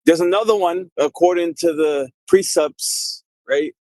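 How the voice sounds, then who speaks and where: A man from Puerto Rico argues on a debate call with a teasing, mocking edge. His voice is a little high, and the recording is dry with no room echo. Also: a little slow, a little mellow. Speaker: debate participant. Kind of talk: heated online debate.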